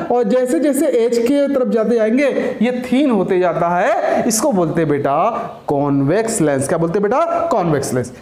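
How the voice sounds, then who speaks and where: A man's voice: very high-pitched, roomy sound. A man teaching a school science lecture, who keeps asking questions, repeats the answers and calls his students "beta". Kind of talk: classroom lecture.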